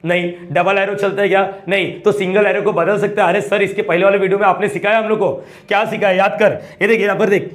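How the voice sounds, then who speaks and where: High-voiced man teaching math. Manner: colloquial, asks students frequent check questions. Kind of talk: classroom lecture.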